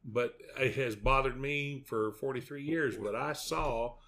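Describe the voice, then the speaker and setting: A man's voice: medium pitch, measured pace, fairly bright tone. A middle-aged man with a Southern US accent and a folksy drawl, chatting casually as a podcast co-host. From southern United States.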